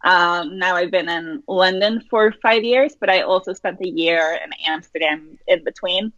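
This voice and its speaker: A woman's voice: on the low side, moderate pace, no room sound. A woman in her thirties from Norway, talking casually and laughing often as an interview guest over a video call. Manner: relaxed, chatty, laughs often. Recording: dry, dull lo-fi call audio.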